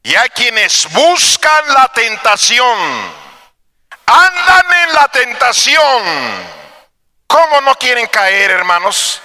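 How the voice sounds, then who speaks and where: High, bright-voiced male preacher. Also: wildly swooping pitch, drawn-out words, long reverb tail. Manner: fervent preaching, shouted exhortations and low asides. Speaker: pastor. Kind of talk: sermon.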